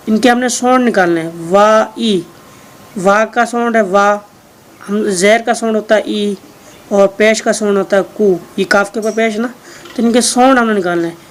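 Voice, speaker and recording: A man teaching Quran reading online, spelling out letters and vowel marks slowly and explaining between recitations. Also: high-pitched. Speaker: Quran tutor.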